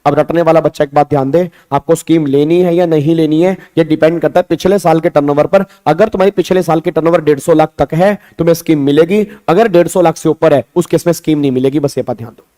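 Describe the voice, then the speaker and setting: A man teaching a tax class online, drilling students with repeated questions and urging quick answers. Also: on the high side, fairly even intonation, mellow. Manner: acts out examiner and students in quoted lines. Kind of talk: online exam-prep lecture.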